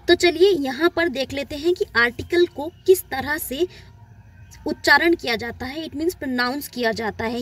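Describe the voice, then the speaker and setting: High-voiced woman teaching English grammar. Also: a bit bright. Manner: explains slowly with spoken examples. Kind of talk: Hindi-English grammar lesson.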